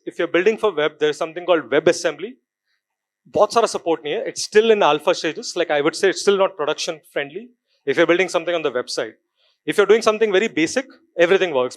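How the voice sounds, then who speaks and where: A man with an Indian English accent giving a live technical conference talk, quizzing the audience and slipping into Hindi. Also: fairly high pitch. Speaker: conference speaker. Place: conference hall stage.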